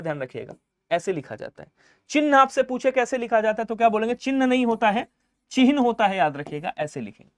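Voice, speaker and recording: A male Hindi teacher giving an exam-prep lesson, quizzing students with repeated questions and trailing off softly at the end of each point. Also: extremely high pitch, no room sound, clean studio sound.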